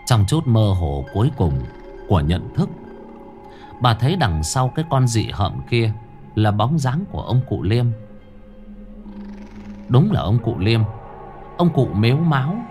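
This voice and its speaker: Guy narrating a ghost story, dramatic, lively pitch, soft music behind. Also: measured pace, long pauses. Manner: vivid, dramatic.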